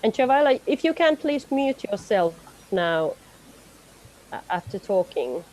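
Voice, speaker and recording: A woman's voice: mid-range voice, very animated, a little slow, a little mellow, poor audio. A woman facilitating an online meeting, friendly and laughing often as she coaxes people to speak. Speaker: session facilitator.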